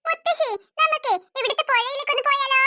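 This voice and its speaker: Woman doing little girl Chinnu, very high. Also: fast talker, sharp tone, exaggerated voice. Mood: pleading. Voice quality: high childish voice. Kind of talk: cartoon dubbing.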